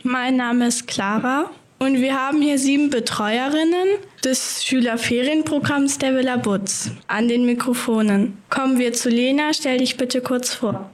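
A woman with a high voice leads a friendly interview, asking short, polite questions. Her delivery is simple and tidy. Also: unhurried.

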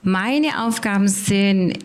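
A woman's voice: mid-range voice, slow. A woman who leads a children's holiday program, explaining her job in an upbeat, casual interview.

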